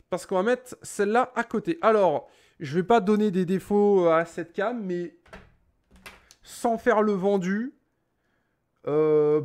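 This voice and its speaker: A man's voice: high voice, a little mellow. A young man casually reviewing a webcam at his home desk, joking, rambling and swearing as he sets it up. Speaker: tech YouTuber. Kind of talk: casual product review vlog.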